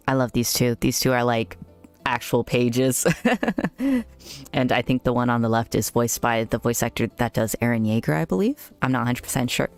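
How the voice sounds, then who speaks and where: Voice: mid-range voice, expressive, normal speed. Chatty young game streamer over faint music. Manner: giggly, chatty, reacting aloud. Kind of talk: casual game livestream commentary and reading aloud.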